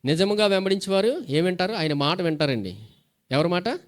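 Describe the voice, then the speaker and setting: A man's voice: sits high, lively intonation, a little fast. A pastor preaching a sermon. He asks questions and answers them himself, and reads scripture aloud between plain explanations.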